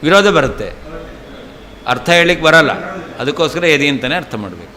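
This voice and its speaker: A man's voice: on the high side, expressive, brisk, pushed and bright. An older man, a scholar teaching a scripture class, explaining patiently and repeating key terms. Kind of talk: traditional scripture lesson. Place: temple hall. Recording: long hall reverb, faint ambient noise.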